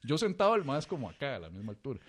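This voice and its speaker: A man's voice: mid-range voice, huge pitch swings, very fast. A man with a Costa Rican accent, a podcast co-host telling a rambling, self-mocking story in a casual, slangy way. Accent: Costa Rican Spanish.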